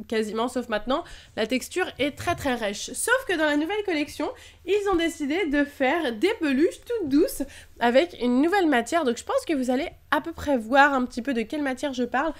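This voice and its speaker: A woman's voice: high-pitched, lively intonation, moderate pace. A young French woman chatting through an unboxing vlog, enthusiastic, with many fillers. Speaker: YouTuber unboxing Pokémon lottery prizes.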